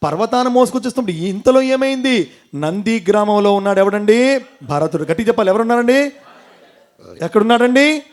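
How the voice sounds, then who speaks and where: High-voiced Telugu man telling a devotional story. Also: lively intonation, quick pace, pauses often. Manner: quizzes the audience, acts out characters' lines. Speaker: spiritual storyteller and motivational speaker. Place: temple hall with audience.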